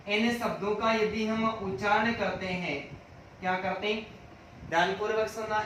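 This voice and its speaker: A high-pitched male teacher drills exam points, asking questions aloud and answering them himself. He sounds set back from the mic in a strongly echoing room, with a faint hiss of ambience behind him. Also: fairly bright tone. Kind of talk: exam-prep lecture. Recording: echoey room, voice from far off.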